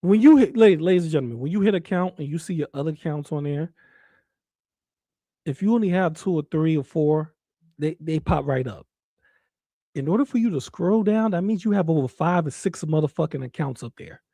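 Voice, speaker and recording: A woman's voice: low voice, expressive, a little fast, dark tone, no room sound. A woman giving casual livestream commentary, blunt, incredulous and emphatic, with plenty of swearing.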